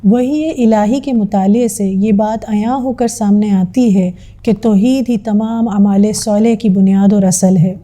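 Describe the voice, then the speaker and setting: A woman's voice: medium pitch, hardly any pauses, dark tone. A woman giving a formal, earnest scripted narration introducing a religious studies course. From Pakistan.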